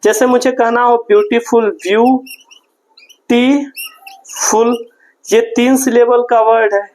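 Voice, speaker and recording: A man's voice: very high voice, little pitch movement, moderate pace, a little mellow, slight background noise, rough recording. A man teaching a grammar lesson in an online class, explaining patiently and repeating words and phrases. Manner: patient, repetitive explaining, often says "friend".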